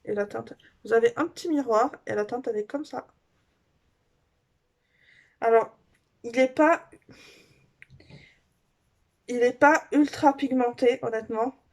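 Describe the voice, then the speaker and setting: A woman beauty vlogger chatting casually through a makeup haul review, gushing and filling pauses with little fillers. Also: on the high side, a little mellow.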